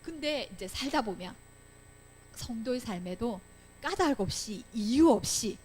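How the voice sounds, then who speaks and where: Lively, high-voiced woman teaching children. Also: a little slow, husky. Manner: animated storytelling, acting out quoted lines, asking children questions. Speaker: Sunday school teacher. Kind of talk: children's Bible lesson. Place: church classroom.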